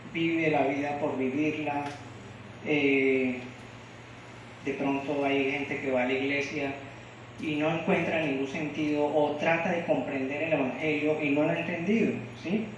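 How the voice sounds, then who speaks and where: A man's voice: fairly high pitch, little pitch movement, measured pace, a little hiss or hum. A man from Venezuela preaching a devotional sermon in a church, often asking the congregation questions. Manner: asks the congregation frequent questions. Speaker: lay preacher. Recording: echoey room, distant mic, dull sound.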